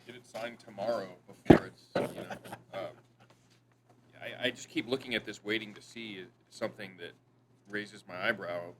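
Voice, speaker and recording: A man's voice: on the low side, steady tone, moderate pace, very noisy. A man on a board speaking casually, thinking aloud before making a motion. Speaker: board member. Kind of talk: board meeting discussion.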